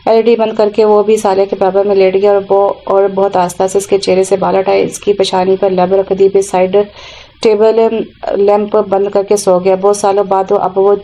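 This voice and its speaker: A woman narrating an audio novel in an even, unhurried reading. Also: medium pitch, poor audio.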